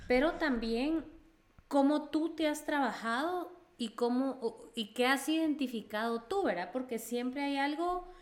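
A woman's voice: high-pitched, a little slow. A woman, co-hosting a podcast and asking a guest thoughtful questions while searching for words. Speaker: podcast co-host. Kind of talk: casual interview questions.

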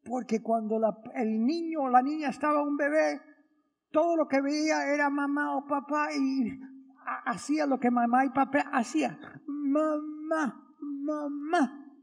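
High-voiced priest in a reverberant church. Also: male voice, steady tone, normal speed, vocal fry. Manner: conversational, asks the congregation many rhetorical questions. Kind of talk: homily at Sunday Mass. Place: church during Mass.

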